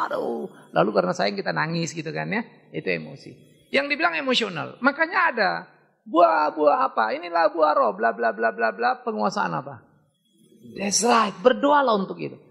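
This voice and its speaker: Gravelly-voiced pastor in a reverberant hall. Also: male voice, high voice. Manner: joking, lively teaching with asides. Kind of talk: sermon Q&A with congregation. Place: church hall.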